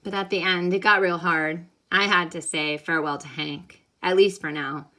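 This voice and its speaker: A woman reads a picture book to children with a bright, forceful voice that sits a little low. She is expressive and animated, like a teacher guiding young listeners through a story. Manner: animated, pausing to ask listeners questions. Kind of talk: expressive storybook read-aloud with think-aloud questions.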